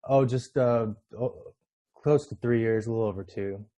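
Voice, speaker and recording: A man talking casually as an interview guest, halting and repeating words as he goes. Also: mid-range voice, dark tone. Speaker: podcast guest, real estate appraiser. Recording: dull, muffled lo-fi connection.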